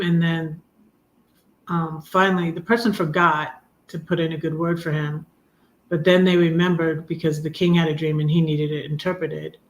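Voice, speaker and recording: A woman in her fifties chatting on a live stream, rambling with many pauses and fillers, sometimes singing a hymn line slowly. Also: on the low side. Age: 50s. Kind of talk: casual live chat.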